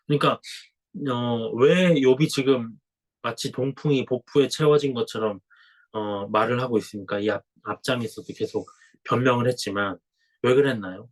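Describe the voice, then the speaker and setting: A middle-aged man with a cold, a pastor giving a slow, conversational Bible sermon and clearing his throat. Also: mid-range voice, low-quality recording. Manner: slow, reflective Bible exposition with a warm conversational tone.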